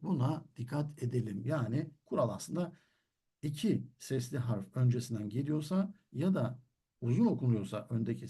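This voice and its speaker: A man's voice: mid-range voice, mellow, slightly rough. A man teaching German, explaining patiently and answering his own questions. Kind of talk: classroom-style language lesson.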